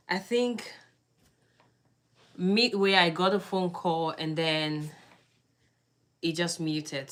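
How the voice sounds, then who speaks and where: Slow, easygoing low-voiced woman. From Cameroon. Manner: chatty and easygoing, laughs often. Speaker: YouTube live streamer. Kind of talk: casual livestream chat to viewers.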